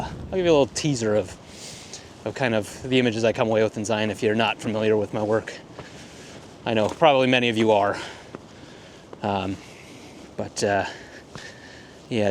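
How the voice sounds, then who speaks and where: A man who is a landscape photographer, talking in a rambling, laid-back, self-deprecating way on a casual walk-and-talk vlog outdoors on a cold morning. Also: on the low side. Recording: wind buffeting the mic outdoors.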